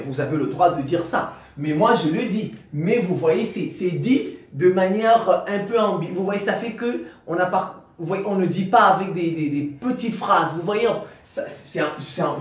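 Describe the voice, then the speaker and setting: A man teaching a lesson in a halting, repetitive way, often restarting sentences and speaking directly to his students. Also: on the high side. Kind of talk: classroom-style explanation. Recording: very echoey room, mic far off.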